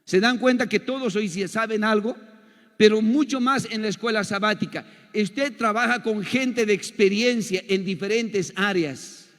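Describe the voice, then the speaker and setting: Older pastor with a high voice. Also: male voice, normal speed, in a large hall. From Bolivia. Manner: animated storytelling, rhetorical questions to the audience. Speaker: pastor teaching a seminar. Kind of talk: seminar lecture to a congregation.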